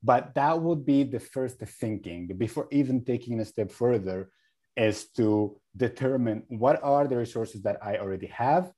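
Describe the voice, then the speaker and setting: A man from Egypt, a guest in a podcast interview, speaking in a halting way with many fillers and restarts. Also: medium pitch, mellow. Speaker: guest, regenerative agriculture advocate.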